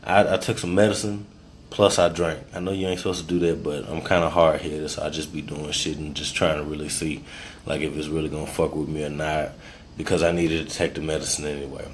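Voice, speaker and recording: Man, podcast host, very deep voice, rambling, tipsy, casual, faint background hiss. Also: fairly quick. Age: adult, married. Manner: loose, rambling, tipsy and relaxed. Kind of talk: casual freestyle podcast monologue.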